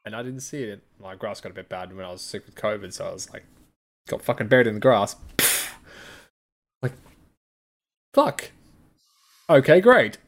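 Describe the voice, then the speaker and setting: A man with a fairly low voice chatting on a podcast. He tells his story in a laid-back, wry way and swears now and then. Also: fast talker, gravelly, a bit bright. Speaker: podcast co-host. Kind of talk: casual chat, storytelling.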